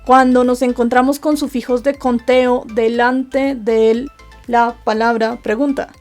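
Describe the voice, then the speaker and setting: A woman's voice: fairly high pitch, little pitch movement, measured pace, a little mellow. A woman teaching a grammar lesson from slides, patiently asking rhetorical questions and then answering them. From Colombia. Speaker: Japanese teacher. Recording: faint background music.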